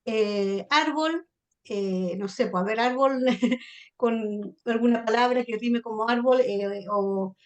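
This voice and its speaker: A Chilean woman, a literature teacher with a Chilean accent, explains sonnet form in an online class and often checks in with her students. Her voice is fairly high-pitched and slow.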